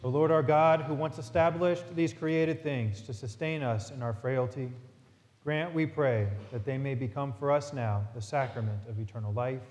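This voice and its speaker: A man as a priest, solemnly intoning Mass prayers in measured phrases, his voice carrying a cathedral echo. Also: medium pitch, darkish tone, faint music behind. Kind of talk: liturgical prayer recitation. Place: large church. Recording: long reverberant church hall.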